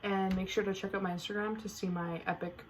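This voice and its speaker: Brisk and fairly flat in pitch, a teen girl's mid-range voice carries her casual, playfully dramatic solo podcast chat, packed with fillers. A little hiss or hum runs through the rough recording.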